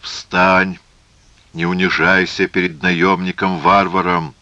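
A man's voice: on the low side, lively intonation, slow, bright, forceful tone, no echo, muffled recording, pitched above the performer's own voice, full character voice. A man voicing a noble, grave warrior who speaks solemnly and insistently.

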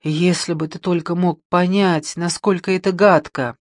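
A man voicing a jealous, hysterical young woman who shouts and then hisses in contempt. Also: steady tone, moderate pace, no room sound, clean studio sound, close to an everyday voice. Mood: furious. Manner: shrill, shouting, then hissing.

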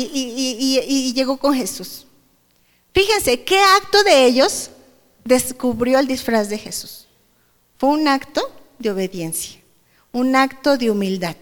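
A woman with a Mexican Spanish accent preaching a sermon, talking conversationally and asking her congregation rhetorical questions. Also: high voice. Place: church service hall. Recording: reverberant church hall.

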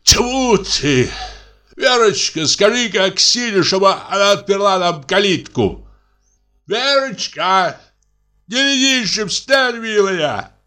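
A man's voice: high-pitched, big pitch swings, slow pace, pushed and bright, soft background music, pitched above the performer's own voice, full character voice. A man reading aloud and voicing a tipsy, worn-out husband who coaxes, curses and frets. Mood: pleading, irritated. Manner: wheedling, then cursing and exasperated. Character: tipsy, exhausted middle-aged husband, fussy and pleading.

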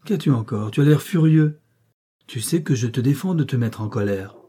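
A man's voice: medium pitch, expressive, normal speed, dark tone, husky. A man reading an audiobook, voicing a stern, commanding father figure who scolds and warns. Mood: scolding.

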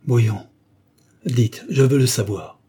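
A man's voice: mid-range voice, slow, warm tone, slightly rough. A man reading the part of a grieving, proud duchess who speaks in a muffled but sharply stressed, defensive way. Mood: indignant. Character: grieving proud noblewoman, a duchess, middle-aged. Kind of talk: audiobook dialogue reading.

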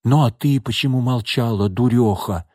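A man voicing a blunt, brisk woman of the household who questions the girls sternly, in an audiobook. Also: mid-range voice, darkish tone, dry recording, clean studio sound, pitched above the performer's own voice, close to an everyday voice.

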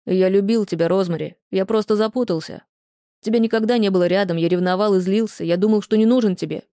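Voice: medium pitch, quick pace, warm tone, no room sound, lightly acted. An audiobook reader voicing a remorseful ex-husband who pleads and reproaches himself in a plain, close, dry read. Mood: pleading. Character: remorseful ex-husband pleading with his former wife.

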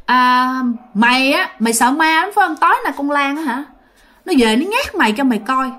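A woman's voice: high voice, lively intonation, brisk, sharp tone. A woman with a Southern Vietnamese accent voicing a drunk, tactless village man who teases his friend in a taunting way.

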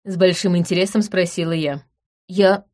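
A woman's voice: fairly low pitch, expressive, moderate pace, a little mellow. A woman narrating a first-person fantasy audiobook with a wry, ironic manner.

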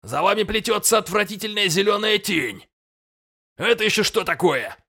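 A man's voice: high-pitched, normal speed, vocal fry, bright, forceful tone, voice pushed up, heavily acted. A man voicing brutish, suspicious griffin guards who bellow at intruders. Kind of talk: audiobook character voice.

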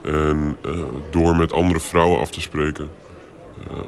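A man in his twenties, an anonymous interviewee whose voice is distorted and pitched down very deep so he cannot be recognised, speaking hesitantly with many filler sounds. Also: level tone, unhurried. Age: 20s.

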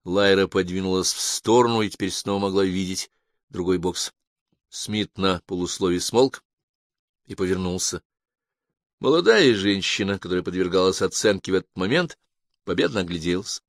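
A man reading an audiobook in a measured, dramatic narration. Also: low voice, dry recording, studio quality. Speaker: audiobook reader. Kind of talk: audiobook narration of science fiction.

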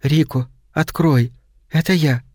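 Whispering female vampire, seductive, cold, higher voice, male reader doing it, dry sound. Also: fairly even intonation, slow, a little mellow, no echo. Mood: pleading. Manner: whispering, clinging, hungry. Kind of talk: audiobook reading.

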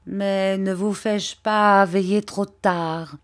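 A woman voicing a fawning, falsely humble young male clerk in an audiobook, speaking slowly and unctuously. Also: mid-range voice, fairly even intonation. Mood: oily. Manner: unctuous, slow, ingratiating. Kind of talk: audiobook character reading.

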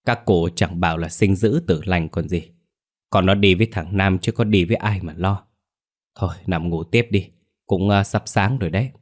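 A man's voice: deep voice, normal speed. A man voicing a brusque older father who talks bluntly to his wife. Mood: reassuring.

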